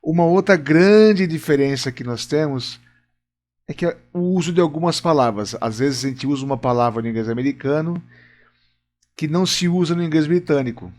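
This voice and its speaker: A man's voice: on the high side, lively intonation, moderate pace, a little mellow. A Brazilian man teaching English in a video lesson at a whiteboard, explaining step by step and often checking in with viewers. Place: room with a whiteboard.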